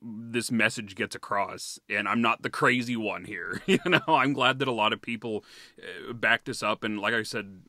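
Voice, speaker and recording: A man's voice: lowish voice, normal speed, bright, forceful tone, no room sound, studio quality. A man co-hosting a podcast in casual chat, ranting heatedly, swearing freely and laughing often. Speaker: podcast co-host.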